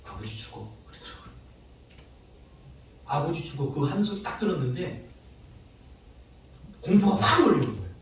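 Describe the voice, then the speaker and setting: A male pastor preaching a sermon, telling stories with emotional swings between soft and loud. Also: sing-song, normal speed, long pauses, slight background noise. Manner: emotional storytelling with dramatic swings in pitch and loudness. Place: church sanctuary. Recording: echoey church hall, distant mic.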